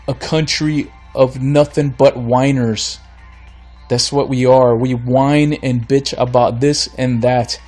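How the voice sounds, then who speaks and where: A Florida man hosts his own podcast and rants alone, blunt and exasperated, while his voice is giving out. His voice sits in the mid range and sounds a little mellow.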